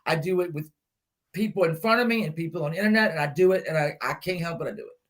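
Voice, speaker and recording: A woman hosts a casual group livestream chat, talking fast in a voice on the low side. She's effusive and affectionate, using terms of endearment, yet blunt, with some swearing.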